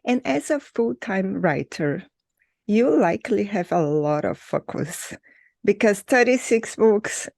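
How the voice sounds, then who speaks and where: A woman hosts a conversational interview at a slow, measured pace. Her mid-pitched voice is recorded dry, with hardly any room sound around it. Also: animated, gravelly, darkish tone, dry recording.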